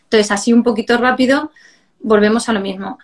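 A woman, a positive discipline educator, chatting on a live stream and telling parenting stories in a lively, explanatory way. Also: on the high side, brisk. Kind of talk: casual chat on a live stream.

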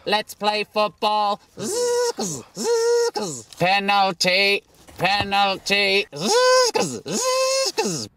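A man doing a slow, buzzing robot goalie voice. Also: sits high, very animated, noisy background, voice pushed up, exaggerated voice. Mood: robotic playful. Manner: robot voice with buzzing "zzz" noises. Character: boastful male robot goalie who does karaoke. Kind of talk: children's TV comedy sketch.

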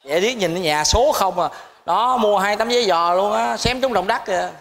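A man's voice: high-pitched, normal speed, gravelly, fairly bright tone, big-room sound. A man, playing a chatty, superstitious drinking buddy in a comedy sketch.

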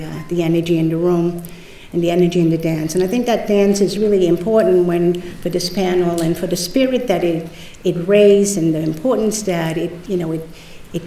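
An older woman from the South Bronx, New York, speaks haltingly at a panel table in a large lecture hall, searching for words. Her voice is lowish and warm, picked up from far off by a table mic on a stand, with echo and slight background noise.

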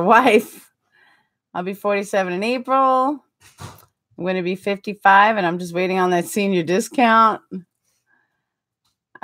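Recorded on a desktop webcam in a small indoor room with curtains behind, a woman in her forties hosts a casual livestream. She has a medium-pitched, fairly bright voice, and she chats, laughs often, and reads viewer comments aloud in a self-mocking manner.

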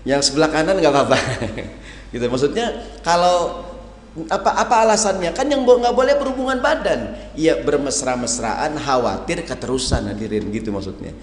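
A man preaches a sermon with lively humor and speaks in a fairly high voice. He keeps turning to the audience and acting out the people who question him. His voice rings through a roomy hall with a long echo. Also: moderate pace, slight background noise. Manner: animated, acts out questioners, addresses audience as hadirin. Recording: echoey hall with long reverb.

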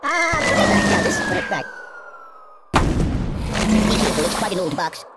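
A woman's voice: mid-range voice, wildly swooping pitch, normal speed, over loud music. A woman voicing a cheeky male ragdoll puppet toy in a video game, tossing off quips and yelping when hurt. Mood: chatty. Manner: quippy, yelps and whines when hurt. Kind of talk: video game character voice lines. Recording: loud noisy game audio capture.

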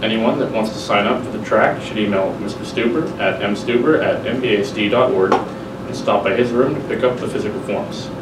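Low-voiced man over a school loudspeaker. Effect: heard through a school loudspeaker. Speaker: school morning announcer. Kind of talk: reading school announcements. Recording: echoey, distant, noisy public-address sound.

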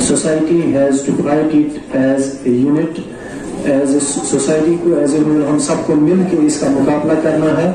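A man, a police officer, giving a measured, formal speech at a seminar in a large hall. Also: fairly high pitch, little pitch movement. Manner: measured, formal, thanking the audience. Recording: echoey hall, far from the mic, background noise.

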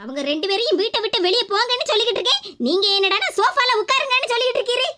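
A woman's voice: very high-pitched, animated, very fast, heavily acted. A woman voicing a stern, scolding middle-aged mother with a Kanyakumari Tamil accent in a cartoon comedy. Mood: angry. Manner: sharp, scolding, sarcastic.

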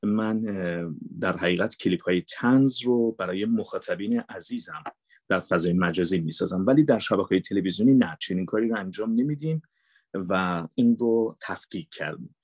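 A voice actor and dubber from Mashhad, Iran, with a Mashhadi Persian accent, answers interview questions earnestly and emphatically, repeating things for stress. His voice sits low with a darkish tone, and the recording is dry.

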